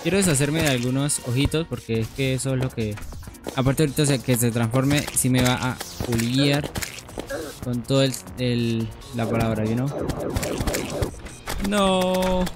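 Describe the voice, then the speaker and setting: A man giving casual, excitable gameplay commentary, swearing and dropping English words as he plays. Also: medium pitch, moderate pace, music in the background. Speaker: gaming youtuber.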